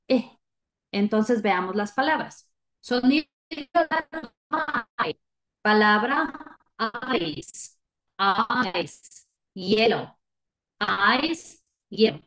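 Female pronunciation teacher, a little high-pitched, speaks slowly and patiently, models each sound. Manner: slow and deliberate, modelling sounds for repetition. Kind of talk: slow, patient spoken lesson.

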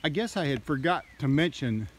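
A man narrating a casual walking tour of his wooded farm outdoors, talking in a slow, halting way with many fillers, recorded on a handheld phone. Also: on the high side, lively intonation. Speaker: farmer vlogger. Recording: faint outdoor noise.

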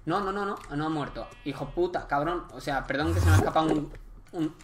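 A young man with a Spain Spanish accent doing live gameplay commentary, chatty and excitable, swearing and joking in slang. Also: on the high side, fast, background noise. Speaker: gaming YouTuber.

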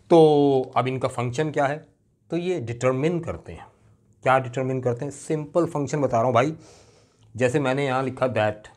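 A middle-aged man, teaching English grammar in a classroom lecture. He asks questions and answers them himself, and reads out example phrases slowly. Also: medium pitch. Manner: explains patiently, asks and answers his own questions; often adds a checking "right?" aside. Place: classroom with a board.

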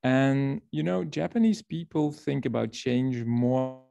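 A man's voice: medium pitch, slow pace, gravelly, lo-fi sound. A man from Belgium presenting to a workshop over a video call, explaining ideas through a story. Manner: storytelling, explanatory, repeats words.

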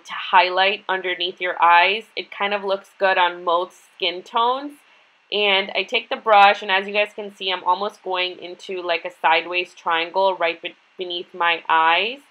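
A woman's voice: medium pitch, lo-fi sound. A woman in her twenties with a stuffed-up, nasal whine from being sick, giving a casual makeup tutorial. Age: 20s. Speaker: beauty vlogger. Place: small bedroom, indoors.

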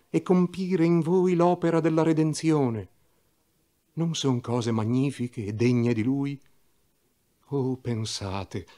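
Fervent old cardinal, gentle and loving, pleading oratory, mid-pitched male voice, read by a man. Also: close to an everyday voice.

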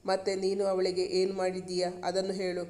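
A man reading the part of a caring young husband in a storybook, speaking softly and earnestly. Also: high voice, completely flat delivery, fairly quick, natural voice. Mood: stern. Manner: soft, soothing and earnest. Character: caring protective young husband, gentle but firm.

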